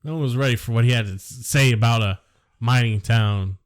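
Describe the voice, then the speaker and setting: A podcast co-host with a medium-pitched voice talks a little fast while griping about a movie. In this casual film review chat he's sarcastic and dismissive, swearing casually along the way.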